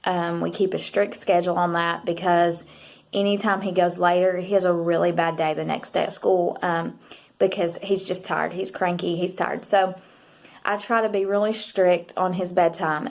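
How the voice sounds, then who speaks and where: A young adult woman, chatting to camera as she tells a story, rambling with many fillers and asides. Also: lowish voice. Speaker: mother and vlogger.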